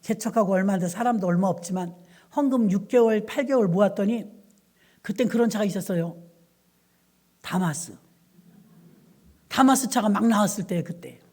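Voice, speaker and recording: A middle-aged woman pastor delivers a storytelling sermon. She recounts church anecdotes in a lively, conversational way and briefly acts out the voices of the people in them. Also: mid-range voice, moderate pace, long pauses.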